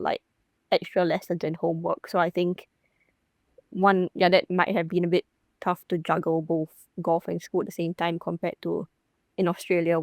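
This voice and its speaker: A woman's voice: lowish voice, a little mellow, no room sound. A young woman from Singapore, a professional golfer, chatting casually in an interview with many fillers and restarts.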